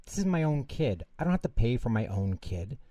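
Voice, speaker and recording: A man's voice: medium pitch, sing-song, a little fast, mellow, lightly acted. A man voicing an exasperated father scolding and pleading with his young daughter in a storybook reading, stern and flustered. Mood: loud, indignant. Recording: roomy echo, distant mic.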